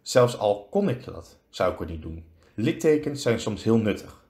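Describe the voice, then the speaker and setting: A man voicing an old, wise male wizard headmaster from a storybook, speaking low, slow and quiet. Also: sing-song, roomy sound. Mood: calm.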